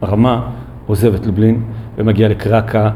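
Mellow-voiced man teaching, halting with fillers. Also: on the low side, level tone, a little hiss or hum. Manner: hesitant, many drawn-out fillers. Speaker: Torah teacher. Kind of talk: recorded Torah lesson.

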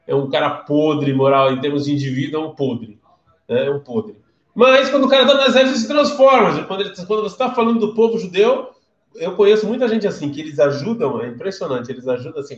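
On a casual livestream, a man from Brazil teaches in a voice on the high side with a Brazilian Portuguese accent, weaving stories into the class and putting questions to his viewers. Everything sounds lo-fi, with an echoey room around him.

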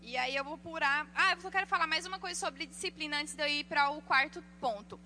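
A woman giving a sermon on parenting, telling lively personal stories and acting out the voices of the people in them. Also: high voice, fast talker, slight background noise. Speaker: church speaker.

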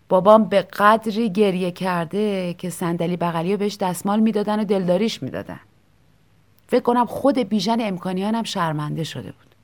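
A woman reading a short personal story aloud in a soft, tender, reflective way, sometimes sinking into a whisper. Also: lowish voice. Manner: soft, intimate, drops into whispers. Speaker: story reader. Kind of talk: scripted storytelling narration.

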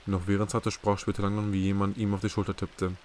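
A man narrating a novel chapter as a hobby audiobook, with steady, measured storytelling. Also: lowish voice, slight background noise. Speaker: audiobook reader.

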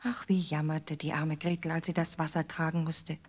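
A woman narrating a fairy tale in a measured, expressive storybook reading. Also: sits low.

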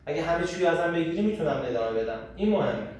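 A man hosting a casual group talk on personal growth, animated and emphatic, often asking rhetorical questions. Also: a little high. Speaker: host leading a group discussion. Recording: echoey room, far from the mic, faint noise.

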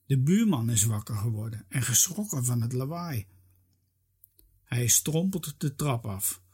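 A husky, medium-pitched narrator reads aloud from a children's story, full of lively expression and never rushing.

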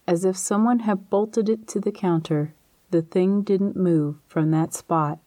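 A woman narrating a suspenseful story in a measured, scripted audiobook style. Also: mid-range voice, mellow, dry recording.

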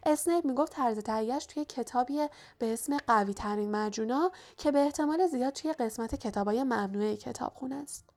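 A clever, cautious young schoolgirl witch played by a woman reader speaks in a high, hushed, knowing voice. She is careful and quick in this audiobook. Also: lightly acted.

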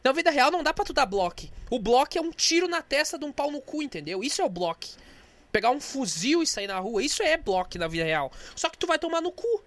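A man's voice: very high-pitched, sing-song, brisk, a bit bright, no room sound. A young man venting in an angry, profane, indignant monologue for his vlog. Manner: angry, swearing, indignant ranting. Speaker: vlogger.

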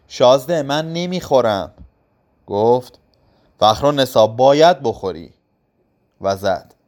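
A man narrating a literary audiobook in a slow, subdued voice. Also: medium pitch, darkish tone. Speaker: audiobook reader.

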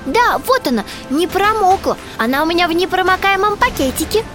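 A woman playing a curious schoolgirl adventurer in a radio drama, inquisitive and quick to plead with adults. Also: very high-pitched, animated, music in the background.

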